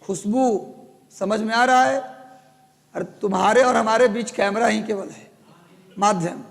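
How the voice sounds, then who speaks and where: Bihari teacher guy dictating notes, gravelly high voice, sore throat, echoey hall. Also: a little slow. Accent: Bihari Hindi. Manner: joking, scolding, dictating to students. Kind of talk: live classroom lecture. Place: classroom.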